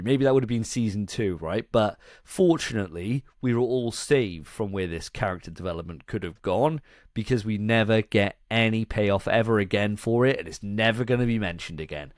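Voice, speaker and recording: A man's voice: on the low side, animated, moderate pace, dry recording, studio quality. A man hosting a casual movie review chat, blunt, sarcastic and sweary. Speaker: podcast host.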